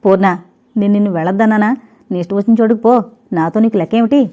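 A woman's voice: mid-range voice, very fast, lightly acted. A woman voicing a jealous, suspicious husband who speaks harshly and accuses his wife. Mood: sarcastic. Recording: dull lo-fi recording.

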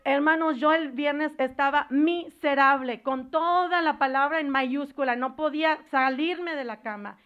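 A woman preacher giving a fervent sermon, pausing to search for words and building into loud exhortation. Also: high voice, highs cut off. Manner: searches for words aloud, slips into English words.

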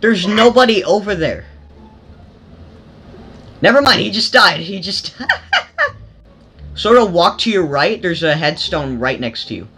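Excitable young-sounding gaming host. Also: male voice, high-pitched, slow pace, pauses often, husky, soft background music. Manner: excitable, yelps during fights. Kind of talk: casual gameplay commentary.

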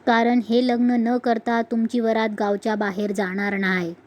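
A woman voicing a threatening young man from a powerful village family who slowly hands out orders. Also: fairly high pitch, flat delivery, a little mellow, natural voice. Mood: menacing. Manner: menacing, slow, issuing orders.

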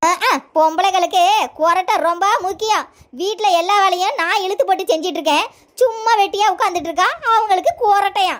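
Shrill cranky old mother-in-law w/ tirunelveli accent, nags nonstop, super high squeaky cartoon voice. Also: quick pace, fairly bright tone. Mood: scolding. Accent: Tirunelveli Tamil. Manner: scolding rant with rural slang. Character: scolding old mother-in-law, sharp-tongued and bossy. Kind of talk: cartoon serial voice acting.

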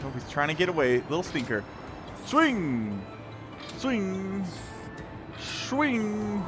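A male gamer gives excited live commentary over game music, his pitch swinging wildly though his overall pace is unhurried. He speaks in short, exclamatory bursts aimed at himself.

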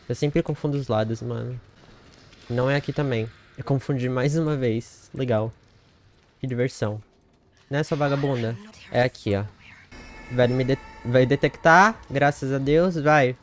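A man streaming a horror game, commenting as he plays, muttering one moment and shouting shrilly the next, swearing often. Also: a little hiss or hum. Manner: profane, swings from muttering to shrill yelling. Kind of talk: live gameplay commentary.

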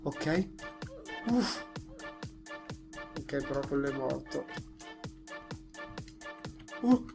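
Animated man doing jokey gameplay commentary. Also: medium pitch, extremely slow, vocal fry, pauses often, over music. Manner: excitable, jokey, yelps and groans at setbacks. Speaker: gaming YouTuber.

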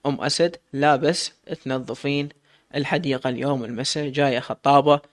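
Brief: gentle older matriarch, brisk delivery, read by a man. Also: mid-range voice, steady tone, close to an everyday voice. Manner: gentle, sympathetic. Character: kind older matriarch, sheikh's mother.

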